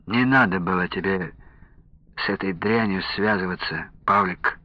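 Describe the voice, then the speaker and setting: A man voicing a gentle, anxious intellectual man who pleads softly, in a dull lo-fi recording. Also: sits low, moderate pace. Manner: pleading, soft, worried. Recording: dull lo-fi audio.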